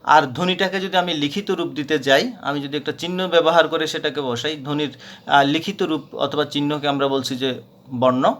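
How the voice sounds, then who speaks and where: A man's voice: a little high, moderate pace, fairly bright tone. A man teaching a grammar lesson, patiently repeating points with frequent hesitations. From Bangladesh.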